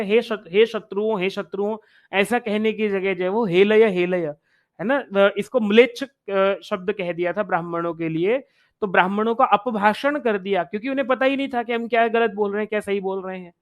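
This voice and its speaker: A man's voice: high voice, moderate pace. A man teaching Sanskrit in an online exam-prep lecture. He explains step by step, repeats phrases and chants Sanskrit verses.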